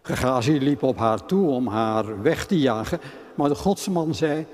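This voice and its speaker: A man reading scripture aloud and preaching as a pastor, in a measured, deliberate way. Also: medium pitch, lively intonation, a little mellow. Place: church. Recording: long reverb of a church hall.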